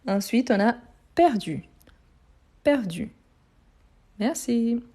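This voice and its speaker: Slow, patient woman teaching French. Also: a little high, expressive, warm tone. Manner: patient, repeats answers and says "parfait". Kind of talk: live online grammar lesson. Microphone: phone.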